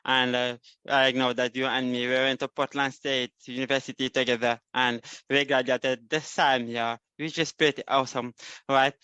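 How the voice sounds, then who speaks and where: A young man from Senegal, a designer speaking on a panel discussion, halting with many fillers and restarts. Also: medium pitch, level tone, pushed and bright, smooth, no room sound.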